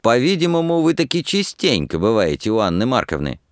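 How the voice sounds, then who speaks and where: A male reader voicing a jovial, talkative student who exclaims warmly in an audiobook. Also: mid-range voice, very animated, a little fast, no room sound, clean studio sound, pitched above the performer's own voice, close to an everyday voice. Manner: exclaiming, warm.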